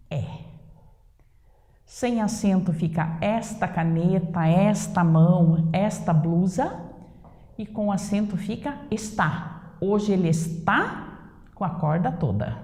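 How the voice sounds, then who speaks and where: A woman teaching a grammar lesson in a Brazilian Portuguese accent, repeating words slowly and stressing them. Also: on the low side, mellow. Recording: echoey room with long reverb.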